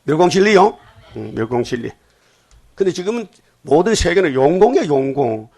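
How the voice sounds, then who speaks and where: A man's voice: a little high, sing-song, a little fast, a little mellow. An older man preaching a dawn sermon in a blunt Gyeongsang accent, often stopping to ask the congregation questions. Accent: Gyeongsang Korean. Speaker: pastor.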